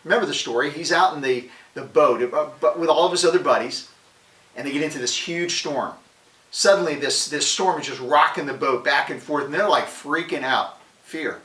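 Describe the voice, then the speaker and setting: A man hosting a podcast, giving a casual devotional talk in an energetic, conversational preaching manner. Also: fairly high pitch, normal speed, distant mic. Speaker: podcast host. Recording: roomy, away from the mic.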